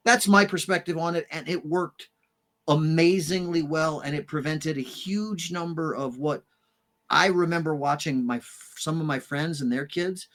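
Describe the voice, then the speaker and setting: A man's voice: fairly high pitch, normal speed, fairly bright tone. A man who is a parent and hosts a podcast, telling a story animatedly in casual chat and swearing freely. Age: adult parent. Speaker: podcast host. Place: streamed studio room.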